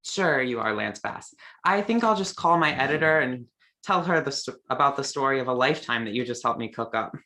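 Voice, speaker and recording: A man's voice: mid-range voice, lively intonation, a little fast, pushed and bright. A man playing a smug, scoffing newspaper reporter in a comic play. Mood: smug, sarcastic. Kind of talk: comic stage-play acting.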